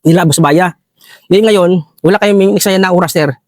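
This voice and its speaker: Deferential soldier, high voice. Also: male voice, moderate pace, darkish tone, dry recording, clean studio sound. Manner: deferential, says "sir" after nearly every phrase. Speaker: soldier recounting a rescue operation. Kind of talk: military war story interview.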